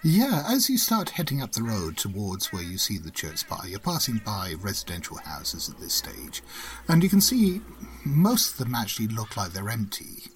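A man's voice: lowish voice, wildly swooping pitch, moderate pace, rough recording. A man narrating a tabletop horror game as game master, descriptive and rambling with many fillers.

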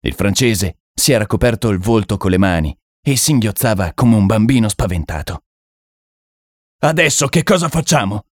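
A man narrating a horror story in a measured, dramatic audiobook reading. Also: fairly low pitch, darkish tone, no echo, clean studio sound.

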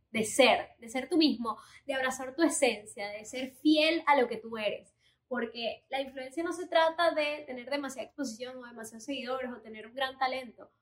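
High-voiced earnest woman in a roomy space. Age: 30s. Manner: warm, earnest, encouraging and confiding. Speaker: motivational vlogger. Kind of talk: personal advice monologue.

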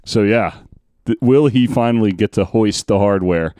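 A man co-hosting a casual sports podcast, chatting and reading out race stats quickly. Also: lowish voice, dark tone, no room sound, studio quality. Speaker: podcast co-host.

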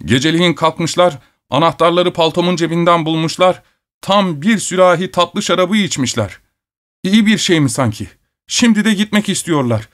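A man's voice: sits high, normal speed, fairly bright tone, pitched above the performer's own voice. A man voicing a fussy male servant who grumbles indignantly to his master in an audiobook. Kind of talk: audiobook character voice.

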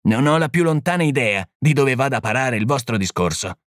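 A man's voice: medium pitch, lively intonation, fairly quick, a bit bright, dry recording, clean studio sound, pitched above the performer's own voice, lightly acted. A man reading the part of a proud, impatient criminologist who talks brusquely and with scorn. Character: proud, impatient middle-aged male criminologist. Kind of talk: audiobook reading.

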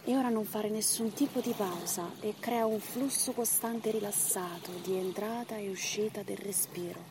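Background noise sits under a woman's medium-pitched voice as she instructs a guided breathing meditation. She speaks in brief, measured phrases and counts, pausing between each.

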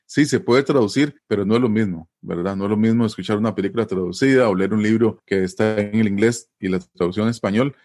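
A man's voice: fairly low pitch, fast, hardly any pauses, darkish tone. Costa Rican man explaining conversationally. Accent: Costa Rican Spanish. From Costa Rica. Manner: explanatory, often adds tag questions.

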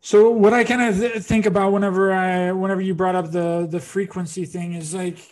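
Flat-toned man telling a rambling story. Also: sits high, a little fast. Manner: rambling storytelling, many fillers and restarts. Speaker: podcast host. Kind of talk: casual interview chat.

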